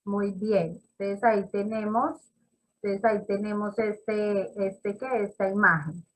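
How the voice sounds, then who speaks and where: Slow, encouraging woman teacher. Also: mid-range voice, fairly even intonation, low-quality recording. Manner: encouraging, praises students by name; slow and explanatory, repeats examples. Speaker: English teacher. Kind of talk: classroom teaching.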